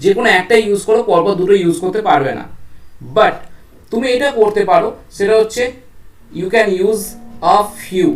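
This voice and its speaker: A woman's voice: mid-range voice, recorded from a distance. A woman with a Bengali accent teaching an English grammar lesson, explaining rules step by step and asking her students questions as she goes. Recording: echoey room, voice off mic.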